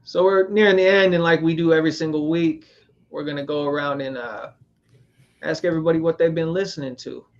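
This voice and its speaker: Male host, Northern Californian, casual rambling talk, slightly raised pitch, dull lo-fi sound. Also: fairly even intonation, fairly quick. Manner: loose, rambling, filler-heavy. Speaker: podcast host. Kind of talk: casual roundtable chat.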